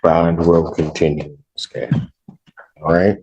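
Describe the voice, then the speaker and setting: Deep, mellow-voiced male judge. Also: little pitch movement, measured pace, muffled recording, a little hiss or hum. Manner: procedural, questioning. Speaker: judge presiding over a court hearing. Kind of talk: formal courtroom proceedings.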